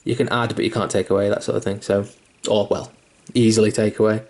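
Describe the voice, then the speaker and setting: Bloke talking thru a mini painting tutorial, kinda low and monotone, loads of ums and likes. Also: male voice, fast. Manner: loose and rambling, full of fillers and restarts; mildly self-deprecating and sweary. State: hiccuping.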